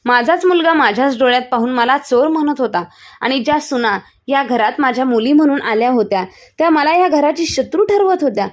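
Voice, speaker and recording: A woman's voice: high-pitched, animated, fairly quick. A woman narrating a sorrowful first-person family story in an emotional way.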